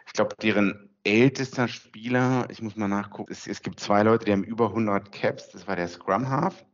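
Low-voiced man, muffled lo-fi recording. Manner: hesitant, many pauses and fillers. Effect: low-quality, muffled recording. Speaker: podcast host. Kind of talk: casual chat. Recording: muffled lo-fi recording away from home.

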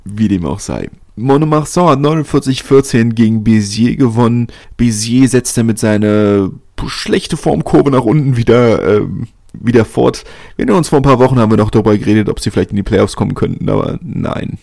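A man's voice: mid-range voice, a little fast, vocal fry, darkish tone, dry recording, clean studio sound. A man hosting a podcast, talking through his thoughts in a casual, chatty way and often restarting his sentences. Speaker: podcast host. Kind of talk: casual spoken commentary.

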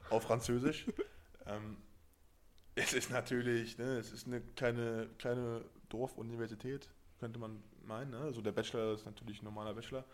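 A young man from Berlin, co-hosting a casual podcast chat and talking loosely with lots of fillers and restarts. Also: fairly low pitch. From Berlin, Germany. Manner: relaxed, chatty, many fillers and restarts. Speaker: podcast host and rugby player.

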